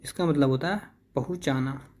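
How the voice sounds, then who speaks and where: A man's voice: mid-range voice, moderate pace, darkish tone. A man teaching an English vocabulary lesson, repeating each word several times to drill the pronunciation.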